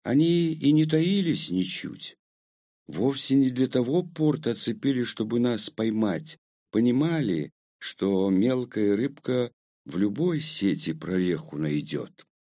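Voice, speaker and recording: A man narrating a first-person audiobook story in a slow, measured way. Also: medium pitch, animated, darkish tone, no room sound, studio quality.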